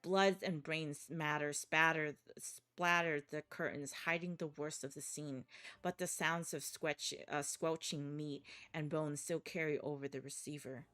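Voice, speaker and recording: A woman's voice: low voice, fairly even intonation, unhurried, pushed and bright. A woman streamer dramatically reading a text game aloud, stumbling now and then and reacting bluntly.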